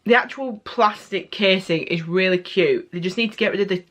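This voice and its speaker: A young woman talks through makeup she won't buy, in a chatty and candid way. Her voice sits at a medium pitch. She often stops mid-sentence to correct herself. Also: moderate pace, a bit bright. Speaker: beauty vlogger. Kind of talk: casual product review chat.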